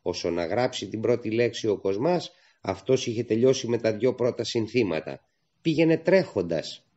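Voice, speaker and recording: A man narrating a literary audiobook in a steady, measured storytelling manner, on a dull lo-fi recording. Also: fairly low pitch.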